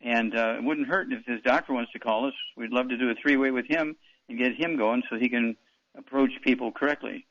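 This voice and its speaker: A man's voice: medium pitch, steady tone, a little fast, no room sound, lo-fi sound. A man hosting a call-in radio advice show, blunt and dismissive, often interrupting callers. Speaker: radio talk show host.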